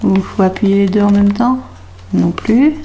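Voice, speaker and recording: Slight background noise accompanies a French craft vlogger as she thinks aloud while testing a label maker, puzzled and hesitant, muttering to herself. Her voice is mellow and medium in pitch, with fairly even intonation and a fairly quick pace.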